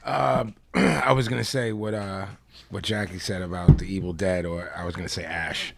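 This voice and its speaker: Gravelly Philadelphia man, rambling. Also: deep voice, fairly even intonation, moderate pace, noisy background. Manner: rambling, laid-back, laughs often. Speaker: podcast host. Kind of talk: casual chat.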